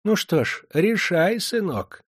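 A man's voice: high voice, sing-song, takes it slowly, husky, no echo, clean studio sound, pitched above the performer's own voice, exaggerated voice. Man putting on a sugary old moneylender woman. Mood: sugary, wheedling. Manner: honeyed, wheedling.

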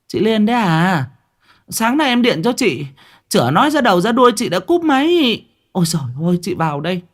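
A man's voice: extremely high pitch, lively intonation, unhurried, pitched above the performer's own voice, full character voice. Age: adult. Figure: flustered, humble village wife voiced by a man. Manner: soft and stammering.

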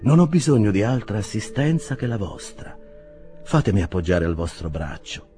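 A man voicing a tender, lovesick middle-aged gentleman in an audiobook, soft and sighing. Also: fairly low pitch, sing-song, moderate pace, soft background music.

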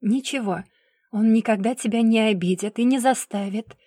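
A woman voicing a tense young female investigator who speaks in hushed tones, in a Russian audiobook. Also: on the high side, normal speed, no room sound, natural voice. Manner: hushed, then accusing.

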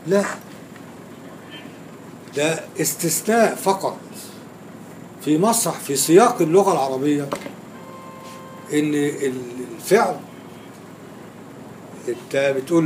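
Man, Egyptian Arabic accent, grammar lesson, asks students questions, repeats key terms, higher-pitched. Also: a little slow, pauses often, darkish tone, a little hiss or hum. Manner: quizzing students, repeating and stressing key words. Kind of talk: classroom lecture with questions to students.

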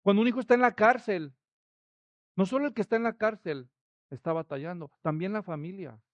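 A man preaching a sermon, expressive and rising to loud, emphatic quotes. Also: sits high, a little fast, dry recording, lo-fi sound.

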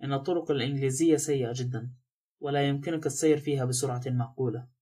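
A man voicing a careless, unbothered young man who speaks in a slow, offhand drawl in an audiobook. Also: medium pitch, steady tone, mellow, husky, close to an everyday voice.

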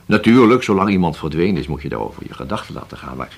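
A husky, probing police inspector. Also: male voice, sits low, very animated, exaggerated voice. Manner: slow, probing, drawn-out with many hums. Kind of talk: radio drama acting.

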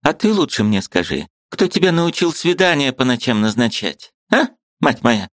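A man voicing a sharp-tongued, agitated old woman who scolds her niece sarcastically. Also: medium pitch, big pitch swings, normal speed, no room sound, studio quality, pitched above the performer's own voice. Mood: scolding. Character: sharp-tongued old aunt, gruff yet loving woman.

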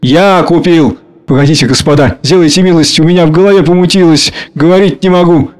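A man's voice: fairly high pitch, fairly quick, a little mellow, pitched above the performer's own voice, lightly acted. A man as a dazed, boastful merchant. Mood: triumphant. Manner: bursting, dazed triumph. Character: rough newly rich male merchant.

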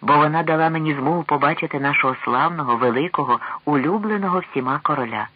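A man's voice: on the high side, animated, brisk, phone-quality sound. A man voicing a modest young princess in an audiobook, speaking politely and with dignity. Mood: dignified.

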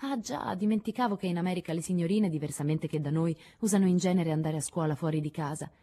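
A woman's voice: on the low side, fast, warm tone. A woman voicing a prim, condescending young English lady, gracious but patronizing.

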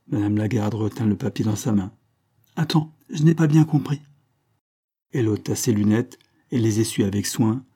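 Man reading an old novel aloud, low mellow voice, steady and calm. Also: husky. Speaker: audiobook narrator. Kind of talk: scripted literary narration.

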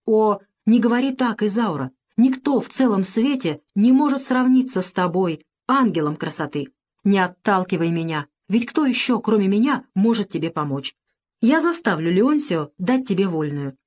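A woman's voice: mid-range voice, expressive, moderate pace, darkish tone, close to an everyday voice. A woman voicing a young man in an audiobook, a fervent, coaxing suitor pressing his affections. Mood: pleading ardor.

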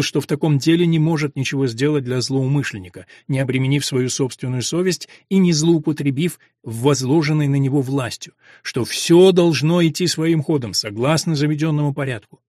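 A man narrating a classic novel as an audiobook, in a measured, expressive reading style. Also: fairly high pitch, dry recording, studio quality. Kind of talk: scripted literary narration.

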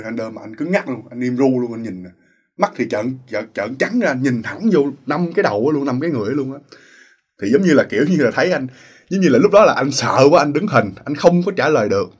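A man's voice: medium pitch, husky. A man telling a ghost story in a casual way, acting out the voices of the people in it and talking straight to his listeners. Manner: acts out quoted voices, talks straight to listeners.

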